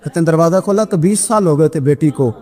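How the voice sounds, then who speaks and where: A man from Pakistan preaching a storytelling sermon, emphatic, his voice climbing high at emotional peaks. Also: mellow. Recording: long hall reverb with music behind.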